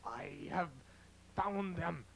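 A man's voice: high voice, slow pace, creaky, full character voice. A young man playing a pompous, fearless alien warlord in a 1950s sci-fi B-movie parody, making grandiose, stilted declarations. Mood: defiant. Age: young adult. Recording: noisy old amateur videotape with hum.

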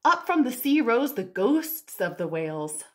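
In a living room at home, a children's librarian hosts storytime, reading a picture book aloud with asides to young kids. Her somewhat high voice is expressive and full of wonder, with drawn-out emphasis.

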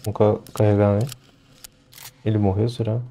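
A man chatting to himself while playing a game, shouting in the fights. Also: lowish voice, little pitch movement, normal speed, slight background noise. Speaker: gameplay commentator. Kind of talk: let's play commentary.

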